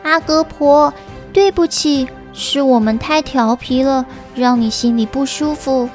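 Woman as a tiny high-voiced fairy girl. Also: a little slow, a little mellow, faint music behind. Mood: apologetic. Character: earnest, polite little fairy girl with a tiny sweet voice. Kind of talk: children's audio storybook acting.

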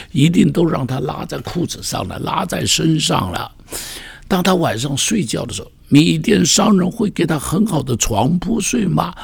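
A man's voice: on the high side, gravelly, slightly rough. A male pastor retelling a story in a sermon, dramatic and vivid, with many rhetorical questions.

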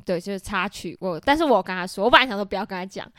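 A woman in her twenties with a Taiwanese Mandarin accent, telling a story in casual chat, animated and full of laughter. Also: medium pitch, very fast, no echo, studio quality. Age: 20s. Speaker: podcast co-host.

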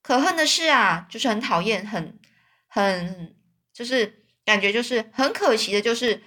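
A woman's voice: a little high, expressive, normal speed, sharp tone. A woman voicing a young male swindler who poses as a wronged duke, complaining in a mournful, pompous way. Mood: woeful.

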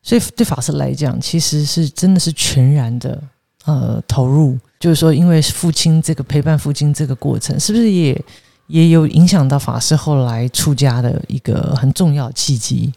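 Female interview host, low voice, attentive, quick affirmations. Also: gravelly, warm tone. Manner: attentive, frequent short affirmations. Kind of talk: interview hosting.

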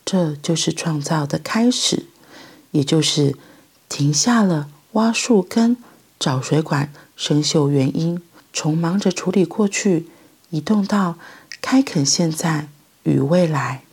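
A middle-aged woman with a Taiwanese Mandarin accent, a mother reflecting on parenting in a thoughtful, halting monologue. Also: low-pitched, animated, darkish tone, breathy edge. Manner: halting, thoughtful, pauses mid-phrase.

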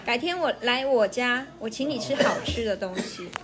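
A woman's voice: a little high, animated, moderate pace, heavy background noise, lightly acted. A woman voicing a small, showy male city mouse who brags about his rich food and big home. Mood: boastful. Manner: bragging, pleased with himself.

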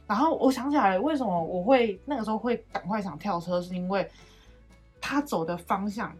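A young woman co-hosting a casual chat, retelling a story with animated, swearing quotes. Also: mid-range voice, a little fast, slightly rough, faint music behind. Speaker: podcast co-host.

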